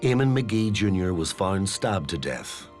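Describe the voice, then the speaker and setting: A man's voice: deep voice, very animated, unhurried. A man giving sober, informative scripted narration for a true-crime documentary. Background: music.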